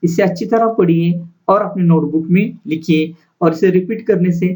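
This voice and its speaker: A man's voice: high-pitched, a little mellow, rough recording. A male teacher giving a spoken lesson, spelling words out letter by letter and then sounding them out in long lists for students to repeat. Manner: slow, deliberate word lists for repetition. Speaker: English teacher.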